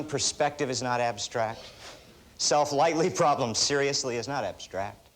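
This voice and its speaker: Animated self-deprecating man speaker. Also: a little high. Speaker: motivational speaker. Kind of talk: seminar talk with anecdotes.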